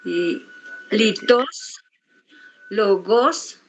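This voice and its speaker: Hesitant woman student reading slowly. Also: mid-range voice, animated, a little hiss or hum, poor audio. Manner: slow, hesitant, sounding out words. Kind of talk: reading aloud in class.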